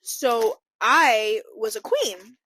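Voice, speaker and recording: A woman's voice: on the high side, lively intonation, extremely slow, sharp tone, a little hiss or hum. A young woman co-hosting a podcast, telling a rambling story in casual chat, laughing often and filling her speech with "like". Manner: giggly, rambling storytelling full of fillers. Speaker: podcast co-host.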